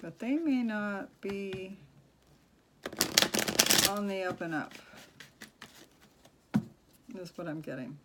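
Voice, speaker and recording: Soft-spoken woman reading tarot. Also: mid-range voice, lively intonation, background noise. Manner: soft-spoken, halting with many fillers. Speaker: tarot reader.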